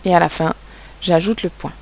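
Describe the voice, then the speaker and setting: A woman's voice: lowish voice, fairly even intonation, normal speed, vocal fry, a little mellow. A woman teaching young children spelling and handwriting, speaking patiently and spelling out letters and sounds, with a French accent.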